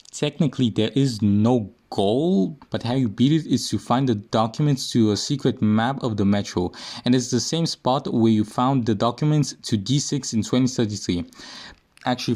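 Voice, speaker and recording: A man's voice: mid-range voice, darkish tone. A young man casually commenting on a video game, joking and self-mocking as he rambles through it. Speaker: gaming video host.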